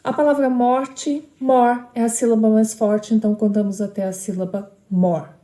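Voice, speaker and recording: A woman's voice: on the high side, steady tone, moderate pace, dark tone, roomy sound. A woman teaching a lesson on poetic meter, explaining step by step and often checking in with short tag questions.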